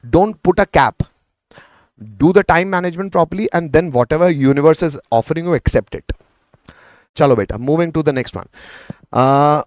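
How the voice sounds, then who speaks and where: A man's voice: on the high side, darkish tone, no room sound. Indian-accented man teaching a live class, dry sound. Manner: mixes Hindi into English, addresses students as beta. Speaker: chemistry teacher. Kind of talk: live online exam lesson, explaining and answering student questions.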